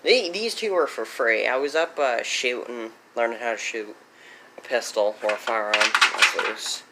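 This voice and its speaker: Excitable teenage boy filming on a phone. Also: mid-range voice, a little slow, very noisy. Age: teens. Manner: rambling, self-correcting, easily excited. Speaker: small engine vlogger. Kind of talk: casual vlog. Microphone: handheld phone.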